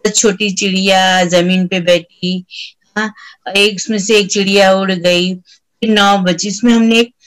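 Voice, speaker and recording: Slow sing-song woman teaching children. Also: mid-range voice, fairly even intonation, low-quality recording. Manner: slow, sing-song recitation with sound imitations. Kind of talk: teaching a children's rhyme lesson.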